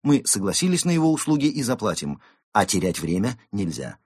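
A decisive storybook leader gives firm orders in a raised, husky voice, as a man puts him on. He speaks crisply, in command. The recording is dry and close. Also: lowish voice, big pitch swings, brisk, dry recording, voice pushed up. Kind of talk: audiobook character reading.

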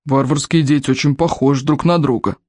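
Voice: mid-range voice, steady tone, brisk, darkish tone, dry recording, natural voice. A reader voicing a huge, proud Viking chief who growls his defiant replies in a storybook reading. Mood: growling, defiant. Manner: growling, boastful. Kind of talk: audiobook character voice.

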